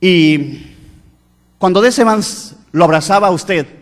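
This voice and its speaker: Man, pastor, sermon, very high voice, long church reverb, loud peaks and hushed asides. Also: lively intonation, measured pace. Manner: swings from shouting to low, quiet asides. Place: church sanctuary.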